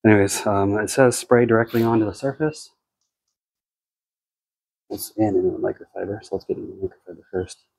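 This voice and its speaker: An American man giving a casual, unscripted product demonstration in a low-key way, thinking aloud as he works. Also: steady tone, brisk, vocal fry, pauses often, darkish tone, slightly rough. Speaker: car care product reviewer.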